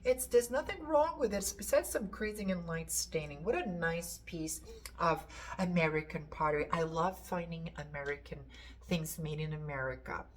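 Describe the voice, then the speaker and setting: Portuguese lady rambling happily about her shop stock, deep-ish voice. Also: normal speed, slight background noise. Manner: enthusiastic, rambling, gushing. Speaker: antiques seller. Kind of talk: casual show-and-tell.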